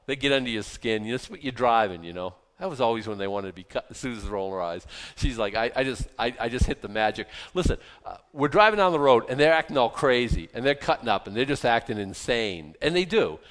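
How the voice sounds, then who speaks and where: Middle-pitched man, fifties, loose chatty preacher with sudden loud bursts; long hall reverb. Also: animated, a little fast, hardly any pauses. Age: 50s. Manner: rambling, self-deprecating, with sudden loud outbursts acting out anger. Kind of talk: casual sermon.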